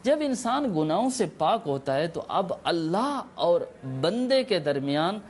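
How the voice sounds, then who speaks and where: A religious scholar giving a measured, explanatory talk as a guest on a live TV show, reciting Arabic quotations. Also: male voice, sits high, big pitch swings. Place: remote link from abroad.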